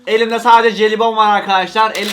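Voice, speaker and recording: A man's voice: high-pitched, flat delivery, quick pace, a bit bright, faint music behind. A young man acting as a whiny schoolboy in a comedy sketch, making excuses and pleading.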